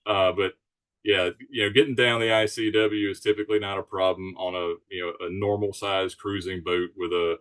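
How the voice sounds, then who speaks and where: Podcast guest: easygoing man, fairly low voice, informal and explanatory. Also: little pitch movement, moderate pace, fairly bright tone. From Alabama Gulf Coast, United States. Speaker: podcast guest, charter sailboat captain. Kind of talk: casual chat, explaining.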